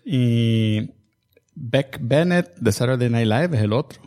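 A man chimes in during a casual group chat, often listing names one after another. His pitch is ordinary and middle. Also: expressive, slow, darkish tone. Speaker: podcast co-host. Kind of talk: casual chat about comics news.

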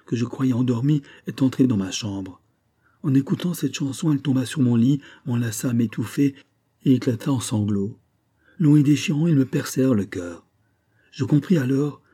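A man's voice: breathy edge, close to an everyday voice. A man voicing a grieving older mother who speaks with raised, emotional intensity. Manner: raised pitch, louder, emotional.

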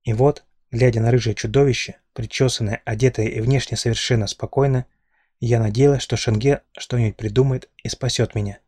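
A man reads a fantasy audiobook in an even, measured storytelling manner. His voice is dark and mellow, recorded close and dry with no room sound. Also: mid-range voice, husky, no room sound. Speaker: audiobook reader. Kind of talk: scripted narration.

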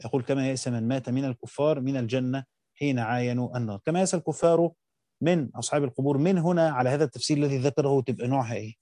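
Egyptian guy teaching a text, reads a bit then explains it casual, talks fast, warm low tone. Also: no echo, studio quality. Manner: reads passages then explains them in colloquial speech. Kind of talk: reading and explaining a classical text.

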